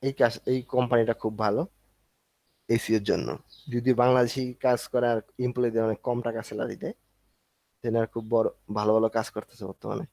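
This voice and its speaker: A man's voice: mid-range voice, little pitch movement, fast, vocal fry, a little mellow, no echo. A man teaching an online class, explaining step by step in a conversational way while walking through a screen. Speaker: instructor.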